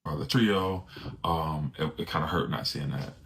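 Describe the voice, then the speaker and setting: A man from giving a measured casual review, with frequent filler sounds. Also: extremely low pitch, gravelly, fairly bright tone. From Louisiana.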